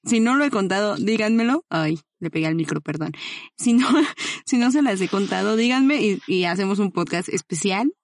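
A young woman chats on a podcast, rambling through a story and giggling often. Her pitch sits mid-range for a woman, and the sound is dry and close. She keeps it loose and casual, full of restarts and asides. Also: lively intonation, normal speed, no echo. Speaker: podcast co-host.

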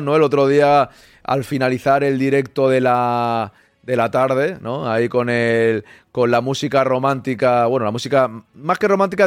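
A man with a Spanish accent hosting a live stream, greeting viewers by name with quick, animated asides. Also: mid-range voice, clear, resonant tone, dry recording, studio quality. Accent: Spanish from Spain. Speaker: live-stream host reading chat. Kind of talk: casual live-stream chat.

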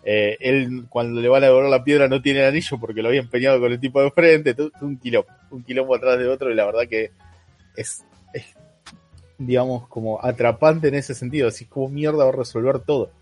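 A man's voice: mid-range voice, steady tone, quick pace, no room sound, faint music behind. A young man with a Rioplatense accent, chatting casually about a movie as podcast co-host, with many fillers and restarts, in a dry recording. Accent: Rioplatense Spanish. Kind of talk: casual film review chat.

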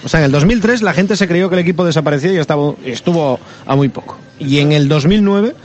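A man's voice: fairly high pitch, quick pace, darkish tone. A man giving a spontaneous opinion, emphatic and restarting his phrases. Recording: dull lo-fi sound, faint noise.

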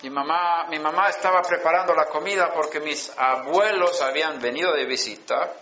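A man, preaching a personal testimony in slow storytelling with emphatic pauses. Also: on the high side, background noise. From Sweden. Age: 60s. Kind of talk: sermon testimony. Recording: dull lo-fi conference recording.

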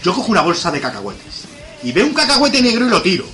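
A man's voice: sits high, quick pace, soft background music. A man, chatting casually on a podcast and acting out film scenes with quoted voices. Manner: animated, acts out scenes with quoted voices and laughs.

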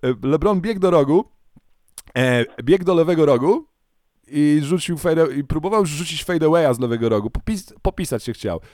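A man co-hosting a podcast, chatting casually in an animated, rambling way and often correcting himself mid-sentence. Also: on the high side, normal speed, dry recording, clean studio sound. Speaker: podcast co-host. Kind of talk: casual chat.

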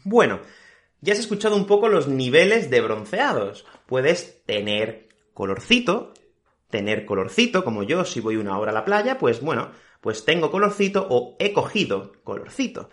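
Spanish-accented male teacher for a learner podcast: animated intonation, patient, repeats words, keeps asking "ok?". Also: fairly high pitch. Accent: Spanish, Spain. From Spain. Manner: repeats key words slowly and checks with "¿ok?".

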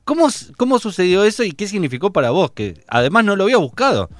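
This is a man with a porteño accent who hosts the chat in a relaxed, joking way. His voice is mid-pitched but very lively in its melody, recorded dry and close. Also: quick pace, no echo. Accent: porteño Argentine Spanish. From Buenos Aires. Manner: relaxed and joking, asks long questions. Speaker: host. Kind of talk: casual chat.

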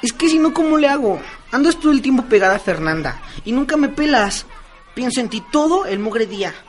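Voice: mid-range voice, big pitch swings, brisk, natural voice. An actor playing a sheepish teenage schoolboy who talks in slang, in an educational radio drama.

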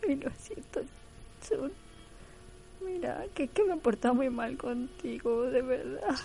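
A woman playing a remorseful young husband who pleads in a raised, sob-like voice. His lines come out high and wobbly. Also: expressive, unhurried, vocal fry, mellow, a little hiss or hum, heavily acted.

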